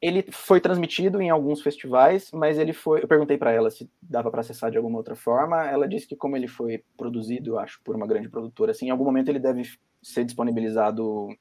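A man's voice: medium pitch, fairly even intonation, fast talker, hardly any pauses, dark tone. A Brazilian man with a Brazilian Portuguese accent, talking on a video-call panel and thinking aloud with many fillers and restarts. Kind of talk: academic panel discussion.

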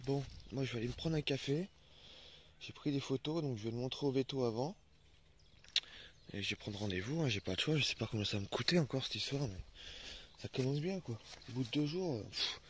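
A man's voice: mid-range voice, expressive, a little fast, slight background noise. A man chatting casually in a vlog, swearing freely and cooing at his dogs while filming outdoors on a phone. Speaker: vlogger.

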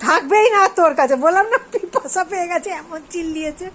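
A woman's voice: extremely high pitch, quick pace, a bit bright. A woman, talking to her pet dogs in coaxing, sing-song baby talk. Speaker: pet vlogger. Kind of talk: casual talk to pets.

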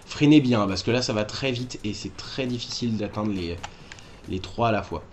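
A man's voice: fairly low pitch, normal speed, slight background noise. Chatty French-speaking man narrating gameplay. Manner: chatty, self-correcting, addresses viewers directly. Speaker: gaming walkthrough host. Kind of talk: casual game commentary.

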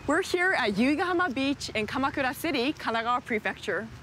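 A woman reporter speaking in a bright, friendly way outdoors on a beach, holding a handheld microphone. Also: sits high, expressive, quick pace, a little hiss or hum, poor audio. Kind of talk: on-location reporting and interviews.

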